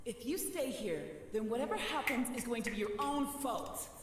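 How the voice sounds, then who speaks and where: An actress voicing a brooding vengeful female spirit with a raspy, gravelly voice and slow, solemn commands. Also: a little high, animated, roomy sound, far from the mic, a little hiss or hum, close to an everyday voice.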